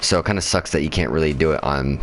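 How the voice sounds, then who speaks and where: Super deep voiced gamer dude, tired after work, swears constantly, keeps losing his train of thought. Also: a little hiss or hum. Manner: rambling and profane, with frequent pauses and restarts. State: tired after a night shift. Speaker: gamer streaming his own play. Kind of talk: casual gameplay chat.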